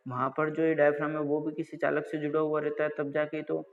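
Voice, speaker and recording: The recording is dull and lo-fi with long reverb, capturing a male college lecturer who speaks briskly in a slightly high monotone. He teaches technical material by posing and answering his own questions, frequently checking that his audience keeps up.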